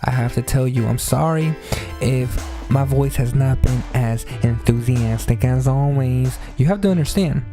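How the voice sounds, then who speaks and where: A man's voice: medium pitch, measured pace, music in the background. A man teaching math in an informal, chatty step-by-step way, talking through a sore, injured throat that hurts when he speaks. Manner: chatty, addresses listeners as friends, step-by-step explaining. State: sore throat, pained to talk after a blow to the throat. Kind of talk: informal tutorial on math problems.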